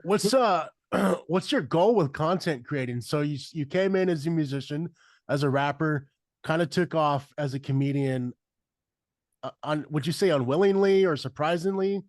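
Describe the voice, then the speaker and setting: A man's voice: fairly high pitch, normal speed, a little mellow, no echo, studio quality. A man hosting a podcast, talking in a rambling, casual way with many fillers. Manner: rambling, filler-heavy, says bro a lot. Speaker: podcast host. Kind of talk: casual interview chat.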